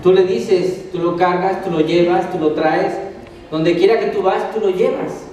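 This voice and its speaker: A high-voiced Mexican man preaching in a very echoey church hall, picked up from a distance. His tone is mellow and dark, and he keeps asking the congregation questions that he answers himself. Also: fairly even intonation, unhurried, slight background noise. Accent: Mexican Spanish. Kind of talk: sermon.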